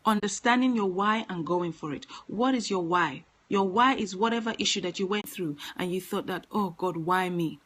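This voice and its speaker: A woman's voice: mid-range voice, moderate pace, few pauses, fairly bright tone, rough recording. A woman giving an earnest motivational talk, speaking emphatically and repeating her key phrases.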